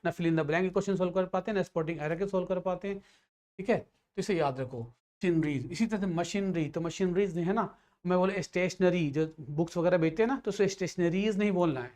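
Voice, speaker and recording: Pitched high and slightly mellow, this man's voice patiently guides exam students through English grammar in Hindi. He weaves English phrases into his explanations and keeps confirming comprehension with repeated checks such as "theek hai".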